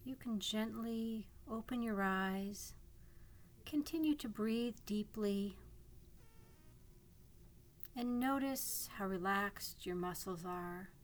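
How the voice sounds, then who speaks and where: A woman leads a guided meditation at a very unhurried pace. Her delivery is calm and soothing, with long pauses between phrases. Her pitch sits in a middle range for a woman. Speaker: psychotherapist guiding a meditation. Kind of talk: guided imagery meditation narration.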